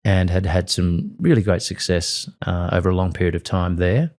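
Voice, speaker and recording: A man with an Australian accent, a radio host and guest, telling animated stories in casual interview chat. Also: low voice, moderate pace. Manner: animated storyteller.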